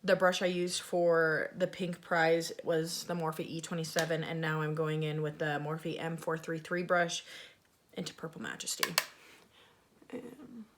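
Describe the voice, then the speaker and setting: A woman's voice: low-pitched, fairly even intonation, a little slow. A woman talks through makeup in a casual, chatty vlogger style, poking fun at herself. Her s sounds come out slushy with a lisp. There is faint noise and clicking in the recording. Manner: chatty, self-deprecating. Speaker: beauty vlogger. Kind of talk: casual makeup review chat.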